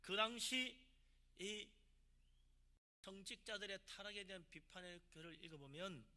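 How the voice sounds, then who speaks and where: A man's voice: high voice, unhurried, pushed and bright. A man, a pastor from South Korea, preaching a sermon with emphatic delivery and rhetorical questions.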